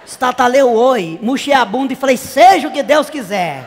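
A man's voice: extremely high pitch, animated, moderate pace, big-room sound, heavily acted. A man playing a brash, naive country woman from the interior, telling a comic story in character. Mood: gossipy. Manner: chatty, exaggerated, squealing cries. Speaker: comedian.

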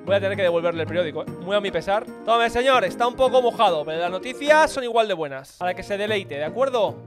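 A man with a Spanish accent from Spain runs through gameplay in a lively, swooping voice, chattering at the on-screen characters and yelping when things go wrong. His pitch jumps all over the place. Faint game music plays under him. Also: quick pace. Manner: excitable, chatters to game characters, sudden yelps. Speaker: gaming YouTuber. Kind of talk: gameplay commentary.

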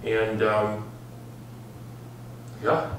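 An upbeat young man chats his way through a house renovation in a casual vlog, scattering fillers as he goes. He is recorded on a handheld camera at arm's length, with his voice bouncing around bare, echoey rooms. A clear hum of background noise runs under everything. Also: fairly low pitch, completely flat delivery, very slow, fairly bright tone. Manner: upbeat, chatty, with frequent fillers. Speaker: home renovation vlogger. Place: house under renovation and its yard, indoors and outdoors. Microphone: handheld camera held at arm's length.

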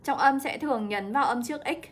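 Young woman teacher, kinda high voice, explains slow and careful. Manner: explanatory, stretches example words slowly. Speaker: English teacher. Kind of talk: exam walkthrough lesson.

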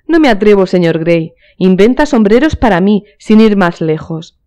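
A playful duchess from a storybook who banters with a teasing, coquettish lilt, as a woman narrator reads her. The voice stays warm and mellow. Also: mid-range voice, animated, normal speed, close to an everyday voice. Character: playful flirtatious aristocratic duchess.

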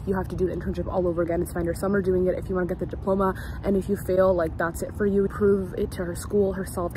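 A young woman in her twenties chatting upbeat and casually to her camera as a book vlogger, full of filler words. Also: medium pitch. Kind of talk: casual vlog chat. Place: outdoors on city streets and in shops. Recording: street noise behind the voice.

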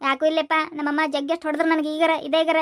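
Cartoon boy, North Karnataka accent, high squeaky and fast, dry close sound, a voice actor playing him. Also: flat delivery, a bit bright, no room sound. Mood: sulky. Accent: North Karnataka Kannada. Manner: quick, high and squeaky, bickering. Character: cheeky lazy village boy, always hungry. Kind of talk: cartoon voice acting.

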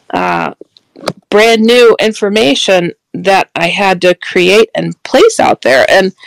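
A woman guest telling paranormal stories in an animated way, acting out the dialogue she quotes. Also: fairly low pitch, vocal fry, no echo, low-quality recording. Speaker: paranormal researcher and author, guest. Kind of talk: candid storytelling interview.

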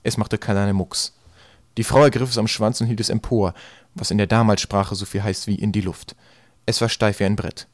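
A man reading an audiobook in a lively, expressive way. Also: fairly low pitch, fairly quick, dry recording, studio quality. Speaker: audiobook reader. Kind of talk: scripted narration.

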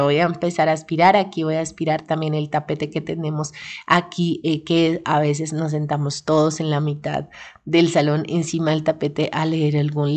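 Chatty woman narrating her cleaning vlog. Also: deep voice. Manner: chatty, friendly, many fillers. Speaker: vlogger. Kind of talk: casual voice-over narration.

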